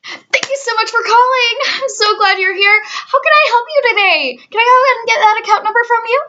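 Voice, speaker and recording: A woman's voice: very high-pitched, brisk, bright, forceful tone, highs cut off, voice pushed up. A woman voicing a relentlessly cheery young female call centre agent, gushing and sugary to the point of creepy. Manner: gushing, saccharine, borderline creepy.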